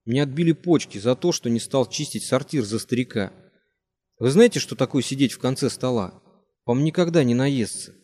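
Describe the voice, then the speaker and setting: A man voicing a bitter, drunk young man who rants and breaks into shouts, in an audiobook reading. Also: mid-range voice, moderate pace, natural voice. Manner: ranting, voice rising to shouts.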